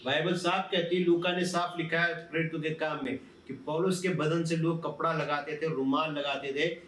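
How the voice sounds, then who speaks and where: A man's voice: on the high side, steady tone, moderate pace, fairly bright tone, slight background noise. Male pastor preaching, asks and answers his own questions, roomy echo, mic a bit far off. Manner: rhetorical questions answered by himself. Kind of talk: sermon. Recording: roomy, from a distance, faint ambience.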